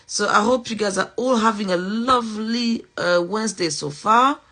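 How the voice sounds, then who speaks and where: Chatty and upbeat, this Portuguese podcast host with a French accent conducts a casual live interview, full of fillers and restarts. She speaks at a moderate pace with a medium pitch and a sharp tone.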